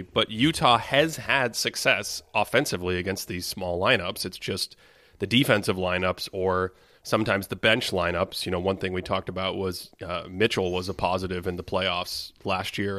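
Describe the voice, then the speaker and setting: A man hosts a podcast in a casual, thoughtful way. His voice sits on the low side but comes out bright and forceful. The sound is dry and close, with no room around it. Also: no echo. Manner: thoughtful, measured, with fillers. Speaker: podcast host. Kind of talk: casual chat.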